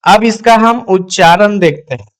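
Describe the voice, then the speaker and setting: A man teaching English grammar, asking questions and answering them himself, repeating each word slowly. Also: high voice. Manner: repeats words slowly, asks and answers his own questions. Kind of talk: classroom lesson.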